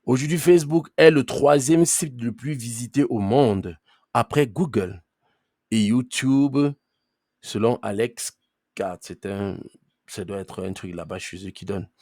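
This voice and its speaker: A man with a mid-range, slightly mellow voice speaks at a measured pace in a dry, clean studio recording. He's a trainer running a live online class, talking conversationally and often checking in with "ok?" He firmly tells latecomers to mute their mics.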